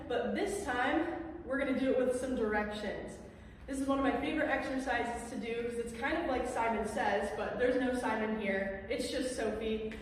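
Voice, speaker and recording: A woman instructing an exercise class, calling out counts and directions in an encouraging way. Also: sits high. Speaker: exercise instructor leading gait training. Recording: echoey reverberant room, distant mic, faint noise.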